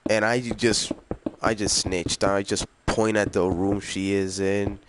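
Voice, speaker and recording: A man's voice: fairly low pitch, flat delivery, slow pace, background noise. A man telling a long personal story in a casual, rambling way, full of fillers and slang. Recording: clear music behind the voice. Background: music.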